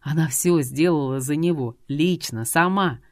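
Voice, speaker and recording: A woman reading a novel aloud in steady, scripted narration. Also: deep voice, measured pace, no echo, clean studio sound. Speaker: audiobook reader.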